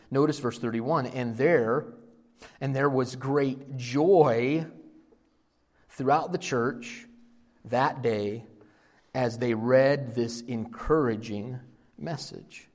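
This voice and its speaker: A male pastor preaching a sermon, addressing his congregation with questions and moving between quiet explanation and emphatic, rising passages. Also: medium pitch, slow.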